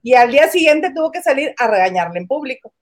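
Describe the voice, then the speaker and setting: A woman co-hosting a casual gossip chat, chiming in with quick quips. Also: high-pitched, expressive, no echo.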